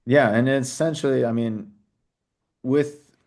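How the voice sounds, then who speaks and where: A man's voice: mid-range voice, slow, darkish tone. A man hosting a live question-and-answer session, talking casually with many fillers. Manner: casual, chatty, plays sellers' lines in quotes, many "you know"s. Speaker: host. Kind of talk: live Q&A on a video call.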